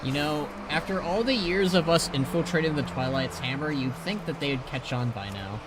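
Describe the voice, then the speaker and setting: A man's voice: fairly high pitch, moderate pace, heavy background noise. A man livestreaming a game with casual commentary and musing, wry asides. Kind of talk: casual game commentary, reading quest text aloud. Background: game music.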